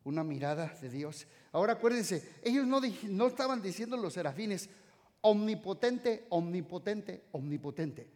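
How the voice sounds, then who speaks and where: A Mexican-born man preaches with a high, ringing voice that lingers in the hall's long reverb. He shifts from loud exclaiming to soft, drawn-out words. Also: expressive. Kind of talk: sermon. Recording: reverberant hall sound.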